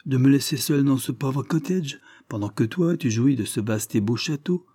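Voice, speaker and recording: A man voicing a chattering young woman, a lord's sister, with a twittering little voice that gushes on without pause. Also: mid-range voice, mellow, breathy edge, voice pushed up, lightly acted. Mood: pleading.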